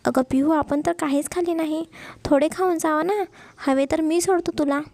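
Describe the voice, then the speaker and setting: Polite, eager young college guy, persuasive, in a high mellow voice, as a woman storyteller reads him. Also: steady tone, normal speed, no echo.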